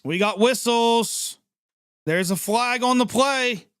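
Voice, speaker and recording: A man hosting a live sports reaction stream, calling the plays as they happen in an excitable, chatty way and reacting quickly to each one. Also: very high voice, clear, resonant tone, no room sound, clean studio sound. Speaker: livestream sports reaction host. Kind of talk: live play-by-play reaction commentary.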